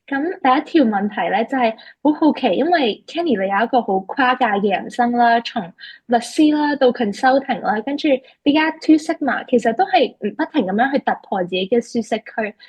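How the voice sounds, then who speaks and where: A woman's voice: fairly high pitch, darkish tone, slightly rough. A woman interviewing a guest, asking questions in a polite, appreciative way.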